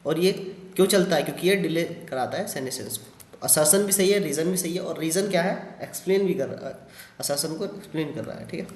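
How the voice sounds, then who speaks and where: A man's voice: fairly high pitch, quick pace, a little mellow. Hindi-speaking man teaching biology, echoey room. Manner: addresses students as "beta", frequent "thik hai" and "hai na" check-ins. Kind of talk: exam question walkthrough lecture.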